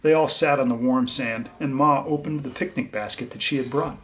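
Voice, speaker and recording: A teacher reads a picture book aloud to children, speaking to the young listeners in a simple, explanatory way. His voice is medium-pitched and a bit bright, his pace a little fast, with slight background noise.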